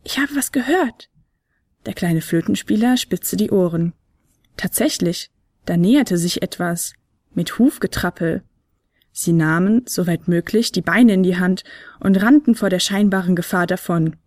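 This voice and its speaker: A woman's voice: lowish voice, normal speed, a little mellow, no room sound, studio quality. Woman telling a children's story. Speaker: narrator. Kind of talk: audiobook narration of a children's story.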